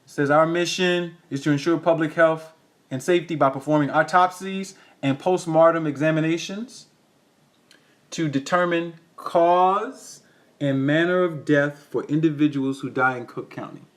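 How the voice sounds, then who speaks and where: A man's voice: a little high, moderate pace. A man giving impassioned commentary as he reads from a county ordinance, asking "all right?" after his points and rising into an emphatic, preacher-like tone. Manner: tags lines with "all right?". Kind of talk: impassioned commentary reading from documents.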